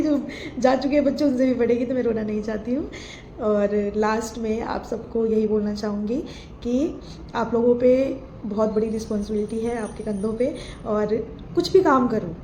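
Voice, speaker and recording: Woman teacher, slightly high, mellow voice, emotional farewell in a roomy space. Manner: warm, emotional, Hindi mixed with English phrases. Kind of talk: farewell message to students. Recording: echoey room, faint noise.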